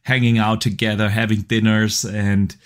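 A man's voice: lowish voice, little pitch movement, moderate pace. Upbeat male podcast host. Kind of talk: casual podcast chat.

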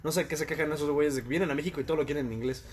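Fast-talking slangy Mexican podcast host. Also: male voice, on the high side, crowd noise. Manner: slangy, swears a lot, jokey. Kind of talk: casual podcast chat.

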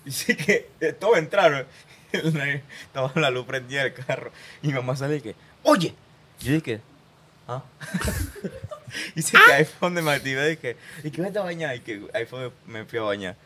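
A man's voice: medium pitch, animated, normal speed, bright, forceful tone. A man, telling a story in casual chat and quoting himself along the way. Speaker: podcast co-host.

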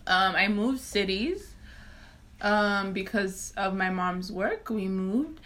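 A young woman from Zambia, a podcast guest in casual conversation, telling her life story in an animated way with frequent laughs. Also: medium pitch. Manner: animated storyteller, laughs often, quick asides.

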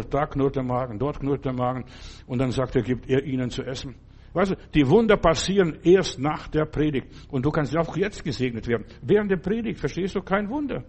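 Older man, preacher, chatty sermon, slightly high voice, keeps checking in with listeners. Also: darkish tone. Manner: conversational, keeps asking "verstehst du?".

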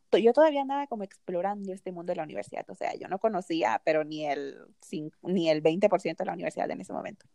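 A woman's voice: medium pitch, no echo. Young woman telling a story with laughs. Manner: animated, laughs often while telling the story. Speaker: podcast host. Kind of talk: casual storytelling.

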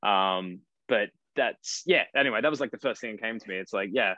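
Australian man, early thirties, guest actor: low voice, loose and rambling, dry lo-fi call sound. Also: fairly quick, bright, forceful tone, no room sound. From Cairns, far north Queensland, Australia. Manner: rambling, self-correcting, laughs at himself. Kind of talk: casual podcast interview. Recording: dry, dull lo-fi call audio.

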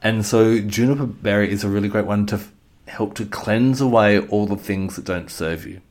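Male educator, deep-pitched, for an informal explanatory talk with a reflective, direct address. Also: normal speed, darkish tone. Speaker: essential oils educator.

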